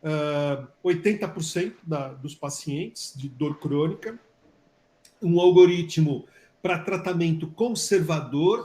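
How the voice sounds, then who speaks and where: A man's voice: on the high side, dark tone. A man with a Brazilian accent, a physician and study coordinator, talking chattily on a live webinar with lots of fillers and restarts. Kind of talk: casual live webinar talk. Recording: echoey room.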